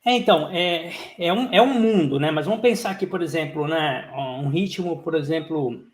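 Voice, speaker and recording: Male drum teacher, bright high register, on a video call in an echoey room, breaks into rapid rhythmic syllable chanting between explanations. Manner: chants konnakol syllables in quick rhythmic runs. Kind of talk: online lecture with sung rhythm syllables. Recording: roomy echo.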